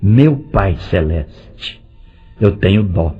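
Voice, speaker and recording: A male pastor preaching a lively sermon, firing direct questions at the congregation and swinging between loud and soft delivery. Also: low voice, very slow. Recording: dull lo-fi recording with faint music.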